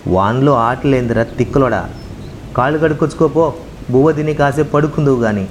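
A man voicing an elderly village grandmother who scolds roughly but comforts tenderly, in a rustic way of talking. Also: medium pitch, a little fast, slight background noise, pitched above the performer's own voice, close to an everyday voice. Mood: scolding. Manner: rustic scolding, then soothing.

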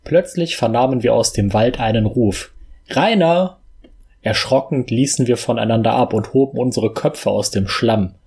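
A man reading a story aloud, acting out the shouted lines in the dialogue. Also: mid-range voice, gravelly, breathy edge. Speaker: reader.

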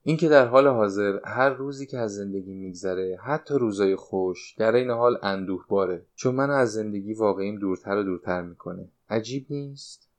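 A retired stage dancer in her late sixties confides her fears and longings in a fretful, wistful way, voiced by a man reading an audiobook. The voice stays fairly low. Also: hardly any pauses, close to an everyday voice. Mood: confiding. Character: anxious 69-year-old woman, former stage dancer.

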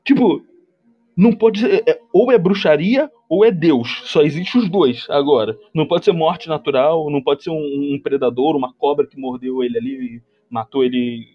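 A man's voice: a little high, moderate pace, highs cut off. A man with a Brazilian accent retelling a movie on a livestream, rambling and sarcastic, mocking the characters with lots of slang. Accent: Brazilian Portuguese. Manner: rambling, animated storytelling with slang. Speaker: livestream host. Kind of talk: comedic movie recap.

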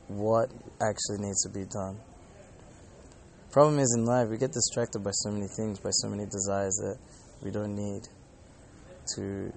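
A man with a fairly low, creaky voice talks casually, as if recording a personal podcast. He is earnest and rambling, with faint ambient noise behind him. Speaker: podcast host and Hare Krishna devotee. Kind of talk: casual spoken storytelling and reflection. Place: airport departure gate area. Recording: faint airport background noise.

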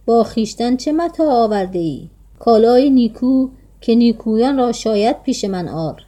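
A woman voicing a flattering, scheming old go-between in a read-aloud tale, coaxing and sweet-talking. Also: on the high side.

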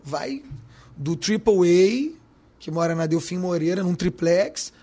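Carioca guy, restaurant owner being interviewed, kinda high husky voice, slangy and punchy. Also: unhurried, mellow. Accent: Carioca Portuguese. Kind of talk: podcast interview.

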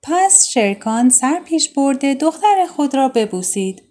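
Woman, storyteller, high voice, mellow tone, formal measured reading. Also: sing-song. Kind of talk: reading a classical tale aloud.

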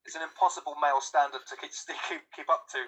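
A young British man chatting casually as a podcast guest, enthusiastic and quick to agree. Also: on the high side, fairly even intonation, a loud crowd, low-quality recording. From United Kingdom. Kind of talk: casual chat.

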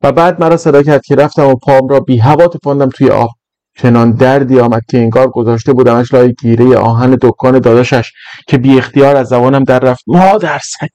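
A man narrating a short story in an even, measured reading voice. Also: medium pitch, no room sound. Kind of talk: scripted narration.

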